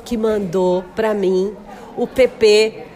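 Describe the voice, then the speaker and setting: A woman's voice: mid-range voice, fairly even intonation, slow, a crowd in the background. A woman with a Brazilian accent hosting a casual gossip podcast, talking in a slangy, teasing way and laughing easily. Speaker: podcast host.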